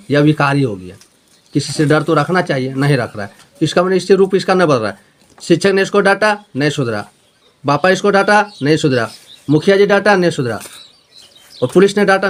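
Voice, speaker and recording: A man teaching a Hindi grammar lesson with a Jharkhand accent, repeating points and checking if students follow. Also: fairly high pitch. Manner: repetitive, explaining with homely examples and checking questions.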